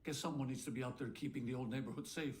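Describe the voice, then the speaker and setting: An actor playing a rugged, weary space patrolman in a video game, with a wry, gravelly voice. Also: medium pitch, fairly even intonation, fast talker, a little mellow, close to an everyday voice. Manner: wry, plain-spoken.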